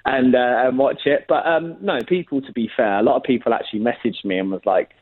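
A man's voice: medium pitch, brisk. A young man telling a long story in casual chat, rambling with lots of fillers. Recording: tinny phone-like sound.

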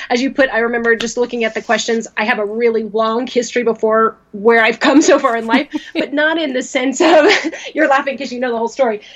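On a muffled recording, a woman with a fairly high voice talks as a podcast guest in a casual interview. She's from rural Louisiana, USA, and she rambles, often laughing as she starts her sentences over.

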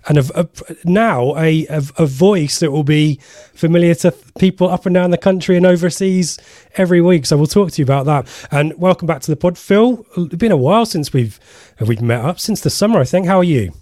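A man hosts a podcast in a conversational style. His voice is on the higher side and recorded dry. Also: fairly quick, mellow, no room sound. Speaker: podcast host.

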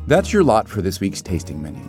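Low-voiced male news podcast host. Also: huge pitch swings, a little fast, a little mellow, soft background music. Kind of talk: scripted news presenting.

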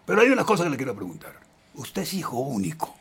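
A man with a Venezuelan accent voicing his stern, gruff older father, who speaks in clipped, repeated phrases. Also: mid-range voice, huge pitch swings, fast talker, a bit bright, slight background noise, exaggerated voice. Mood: stern questioning.

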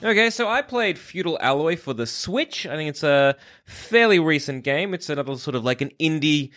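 Animated man casually reviewing video games. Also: a little high, normal speed, faint music behind. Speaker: video game podcast host.

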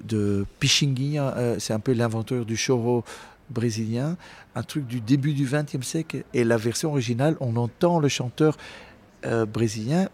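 Husky man telling stories in halting French. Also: mid-range voice. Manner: halting, many restarts, animated storytelling. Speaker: singer, interview guest. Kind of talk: casual interview talk.

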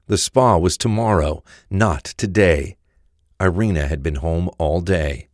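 Reading a scripted crime tale, this male narrator speaks unhurriedly in a very deep voice, captured up close without any echo.

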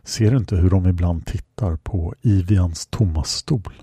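A young servant woman passing on gossip in a whispered role-play, hushed and confiding, as voiced by a man narrating a storybook. Her voice is low and soft and sounds close and dry. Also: breathy edge, no echo.

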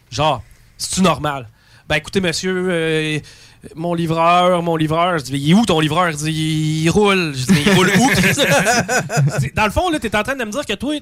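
A man with a Québécois accent and a high-sitting voice, recorded with no room sound, rants through a funny story for his friends. He swears freely and performs both sides of the dialogue.

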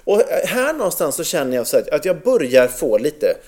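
A man in his thirties telling a personal story in casual chat, animated, swearing freely and full of fillers. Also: a little high.

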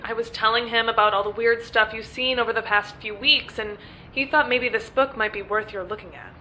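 An actress playing the detective's brisk, matter-of-fact young friend. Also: female voice, a little high, fairly even intonation, sharp tone, slight background noise, rough recording.

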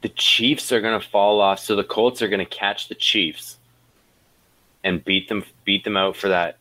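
A man hosting a casual sports podcast, animated and wry, freely critical as he talks. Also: on the low side, moderate pace, dry recording, rough recording. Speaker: podcast host.

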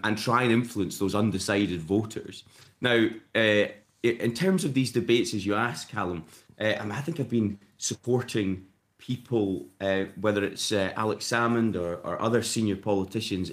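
A man with a croaky, sleepy voice giving conversational political analysis as a podcast guest. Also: fairly low pitch.

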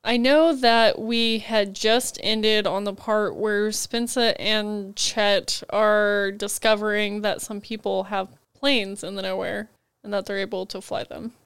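A woman's voice: medium pitch, fairly even intonation, takes it slowly, fairly bright tone, clear, resonant tone, dry recording. A woman with a cold, co-hosting a book podcast and chatting casually about what she is reading. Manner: chatty, rambling book rundowns with frequent "like". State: has a cold, head foggy.

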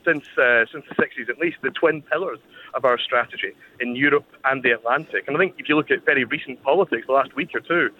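A Scottish-accented historian, a guest on the radio, explains history conversationally in a measured, thoughtful manner with hesitant pauses. His voice is mid-range, coming through a tinny phone line with faint noise.

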